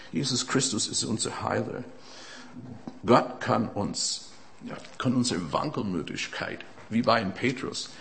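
A man delivers a sermon in carefully built, non-native German, pausing and restarting as he searches for phrasing. His voice sits in a mid range. It swells to loud emphasis and then drops back to a quiet, reflective tone. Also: medium pitch, creaky, slight background noise. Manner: earnest, swings between loud emphatic peaks and quiet reflective passages. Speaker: preacher.

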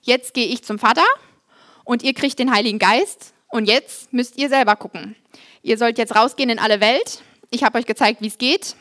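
A man's voice: extremely high pitch, steady tone, normal speed, heavily acted. A woman voicing Jesus, frank fatherly teacher. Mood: encouraging. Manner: plain-spoken, fatherly, gently teasing.

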